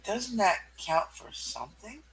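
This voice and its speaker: A performer voicing a sassy, loyal female cat-burglar heroine with a husky voice in a comic book puppet-show reading. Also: mid-range voice, big pitch swings, a little slow, a bit bright. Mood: wounded.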